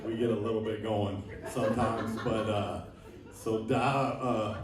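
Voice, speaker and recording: A man's voice: on the low side, steady tone, background noise. Rambling man in his sixties doing stand-up. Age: 60s. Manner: rambling, halting, self-deprecating delivery with many fillers. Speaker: stand-up comedian. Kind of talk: stand-up set. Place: live comedy venue with audience laughing. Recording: echoey room, mic at a distance, crowd laughter.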